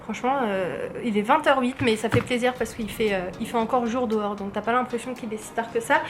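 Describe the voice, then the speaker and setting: A woman's voice: fairly high pitch, steady tone, brisk. A woman chatting informally to the camera for a vlog, explaining things with many hesitations. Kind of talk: casual vlog chat to camera. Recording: faint background noise.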